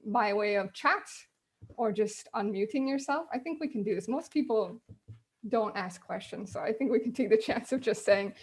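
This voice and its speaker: A woman's voice: fairly high pitch, a little mellow. A woman hosting a casual online panel on a video call, talking loosely and filling gaps with ums. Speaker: host.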